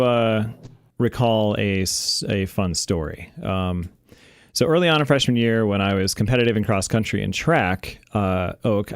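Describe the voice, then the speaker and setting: A man's voice: fairly low pitch, dry recording, studio quality. A man in his forties co-hosting a casual podcast, chatty and laughing often while he tells stories. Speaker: co-host.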